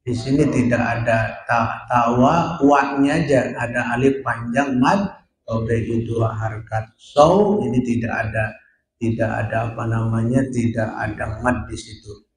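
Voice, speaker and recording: A man gives a recitation lesson at an unhurried pace, modeling each sound aloud before explaining it. His mid-pitched voice rings around a small prayer room with plenty of echo. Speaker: Quran recitation teacher. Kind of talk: tajwid lesson at a prayer hall.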